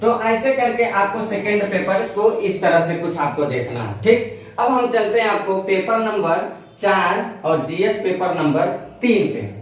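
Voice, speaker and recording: A man with a slightly higher voice teaches at a whiteboard and repeats each key term as he writes. He is recorded from a distance in a very echoey room, so his voice bounces around the walls. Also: animated, measured pace. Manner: repetitive, explains step by step while writing on a board. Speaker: exam-prep teacher. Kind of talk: whiteboard lecture.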